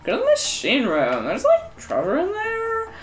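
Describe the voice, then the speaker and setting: A woman's voice: high voice, wildly swooping pitch, normal speed, reverberant, pitched above the performer's own voice. A woman voicing an old man from a video game as a bubbly Valley Girl, sorority-girl style. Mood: bubbly, airy.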